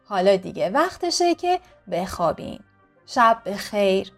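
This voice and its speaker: A woman narrating a children's bedtime story in a soft, soothing, slow manner. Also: mid-range voice, sing-song, soft background music.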